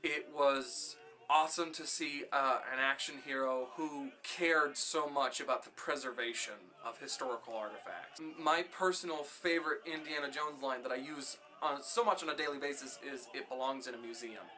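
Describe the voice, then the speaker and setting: Bright-voiced young man answering questions. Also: fairly high pitch, moderate pace. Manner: enthusiastic, animated when reading questions aloud. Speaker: vlogger answering viewer questions. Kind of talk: casual vlog Q&A.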